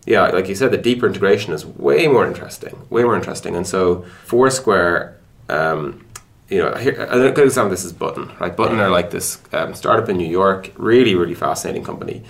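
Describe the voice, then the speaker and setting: A gravelly, low-pitched man talks fairly quickly while explaining things in a laid-back podcast interview. He's a tech product executive who works out his wording as he speaks.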